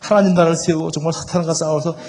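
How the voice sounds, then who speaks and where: A man's voice: a little high, fairly even intonation, fast talker, darkish tone. Middle-aged man telling marriage stories. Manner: storytelling, acts out quoted dialogue. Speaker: lecturer on marriage. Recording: reverberant hall with faint noise.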